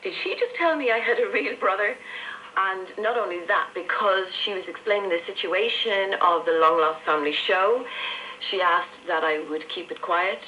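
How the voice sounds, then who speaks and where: Heard over noisy shortwave radio with faint static, an Irish woman in her fifties tells her own story as an interview guest. Her voice is mid-pitched and sharp in tone, at a normal speed, with lo-fi sound.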